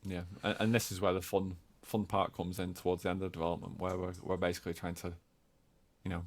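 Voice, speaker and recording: A game developer explaining footage, speaking hesitantly with many fillers. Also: male voice, sits low, level tone, fast. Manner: hesitant, full of hedging fillers.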